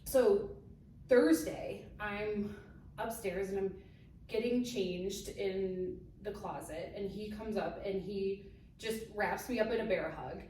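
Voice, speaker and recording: A woman co-hosting a casual chat show tells a story with animated delivery, acting out quotes and laughing between them. Her voice sits at a middle pitch. The mic is set back in a roomy space, with a faint hiss behind her. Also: slow pace, recorded from a distance. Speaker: podcast co-host.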